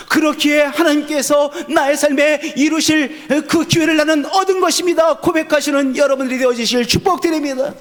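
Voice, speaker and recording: 60s pastor guy preaching, voice way up high, swings loud then drops to a hush. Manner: swings from loud urgent peaks to low hushed endings; asks the congregation questions and answers them. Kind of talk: sermon.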